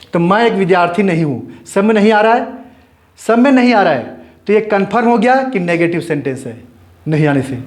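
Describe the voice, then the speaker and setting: A man teaching an English grammar lesson, explaining step by step and answering his own questions. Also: sits high. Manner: spells out letters slowly and repeats words.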